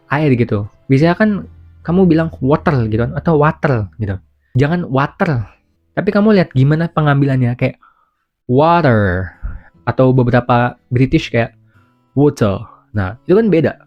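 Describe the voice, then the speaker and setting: A young man talks through a casual lesson in a relaxed, chatty way, as if speaking to a friend. His voice sits in an ordinary middle range and comes across a little dull, with faint music underneath. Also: medium pitch. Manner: chatty, informal, lots of fillers. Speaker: language teacher. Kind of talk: casual spoken lesson to camera.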